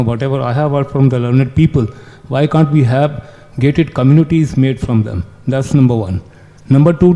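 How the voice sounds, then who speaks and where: A man's voice: medium pitch, mellow. A man with an Indian accent asking a question from the audience at a public discussion. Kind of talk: question from the floor. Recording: echoey hall.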